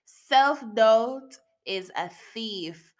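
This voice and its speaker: A woman in her late twenties hosts her own casual solo podcast from home in Japan, chatting candidly and playfully and laughing often. Her voice is a little high and animated, and she speaks very slowly.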